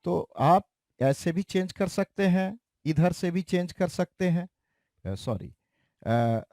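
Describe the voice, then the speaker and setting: A man giving a slow, explanatory keyboard tutorial in a casual way, talking straight to his viewers. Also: sits high, expressive, dark tone. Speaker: keyboard teacher. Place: recording studio.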